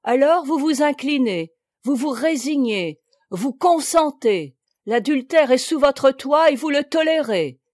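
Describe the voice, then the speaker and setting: A woman reads a stern male country priest in a storybook, fierce and scolding as he preaches. The voice sits high and mellow, close and dry with no room sound. He rages in lofty, moralizing sentences. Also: animated, normal speed, no echo. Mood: furious.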